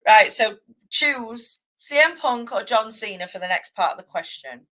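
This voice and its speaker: A woman's voice: fairly high pitch, animated, moderate pace, fairly bright tone, poor audio. A woman hosting an informal interview as a casual chat, with a giggly, informal manner. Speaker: interviewer, show host.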